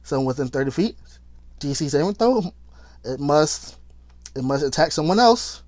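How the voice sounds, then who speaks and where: Fast-stumbling man reading game rules. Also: fairly high pitch, expressive, a little mellow, dry recording. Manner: rushed, stumbling reading with restarts. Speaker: YouTube commentator. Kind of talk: reading rules aloud and arguing.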